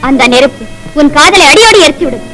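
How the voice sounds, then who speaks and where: An actress playing a possessive rich young woman, a mill owner's daughter, who speaks in formal, slow, menacing lines, in old film style. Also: high voice, animated, music in the background, low-quality recording.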